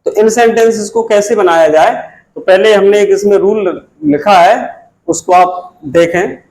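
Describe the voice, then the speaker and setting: A man's voice: high voice, measured pace, a little mellow, poor audio. A man teaching an English grammar lesson, explaining step by step and repeating key phrases as he points to the board. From India.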